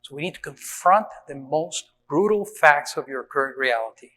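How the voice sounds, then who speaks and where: Brief: middle-aged man from Venezuela, fairly high voice, informal conference talk, hall reverb. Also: expressive, normal speed, fairly bright tone. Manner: conversational, with frequent fillers and restarts. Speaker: conference speaker on building maintenance.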